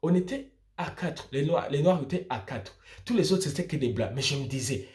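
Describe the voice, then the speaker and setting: A young man from Burundi, a student vlogger, gives study-abroad advice, explaining things informally and emphatically while repeating and rephrasing his points. His voice is on the high side, animated and a little mellow, at a moderate pace.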